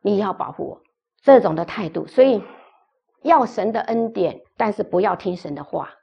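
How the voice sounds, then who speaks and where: A woman's voice: mid-range voice, lively intonation, normal speed, gravelly, breathy edge, muffled recording. A woman pastor preaching a sermon, telling a story with emphatic, repeated phrases.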